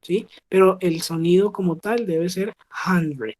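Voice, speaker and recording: A woman's voice: on the low side, steady tone, moderate pace, warm tone, slight background noise. A woman from Colombia teaching an English class online, explaining pronunciation patiently and checking in with the students often. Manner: patient, checks understanding with frequent "¿sí?".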